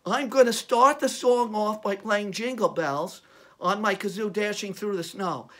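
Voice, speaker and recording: A man's voice: high voice, unhurried. An older man performing as a children's entertainer, with the hammy, theatrical comic patter of a kids' party magician playing to his audience. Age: older, around 70s. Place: small home room with low beamed ceiling.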